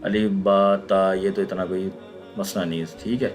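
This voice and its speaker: Male recitation tutor, lowish voice, slow and patient, repeats each letter sound, faint music under. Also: steady tone. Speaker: Quran recitation teacher. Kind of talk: recorded online lesson with screen pointer.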